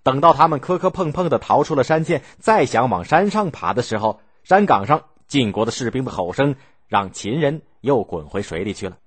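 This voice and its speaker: Male storyteller, expressive, husky, dry close recording. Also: mid-range voice, a little fast, no echo. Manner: lively, expressive, acting out the story. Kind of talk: storytelling history for listeners.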